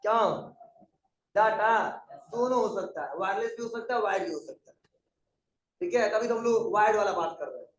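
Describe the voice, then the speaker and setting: A man's voice: sits high, a little fast, long pauses, distant mic, slight background noise. A man teaching a computer class in a conversational lecture style, often asking the students questions. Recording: echoey room, voice from afar.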